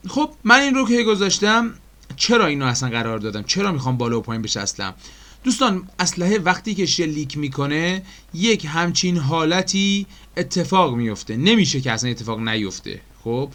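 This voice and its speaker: Fairly high in pitch and fairly bright in tone, a man's voice with an Iranian Persian accent guides viewers through a screen-recorded animation tutorial. He goes step by step, chats with frequent fillers, asks questions, and calls his audience dear friends.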